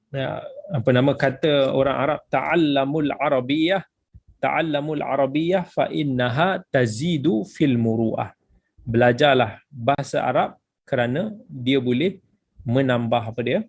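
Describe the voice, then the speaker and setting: Gravelly Malaysian man teaching religion. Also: medium pitch, a little mellow. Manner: explains patiently, mixing English phrases into his talk. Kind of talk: book study lecture.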